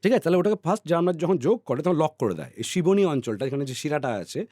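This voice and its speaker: A man on a podcast explaining ideas at length in a teacherly way, often checking in with his listener and trailing off softly on repeated words. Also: fairly high pitch, animated, fast, no echo, clean studio sound. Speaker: podcast guest.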